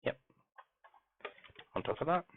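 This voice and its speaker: Streaming a game live, a man talks softly and mumbles to himself while crafting, at a slow pace. His voice turns grainy when quiet and sounds muffled, as if through a wall, on a phone-like mic. Faint music and slight background noise sit underneath this casual gameplay commentary.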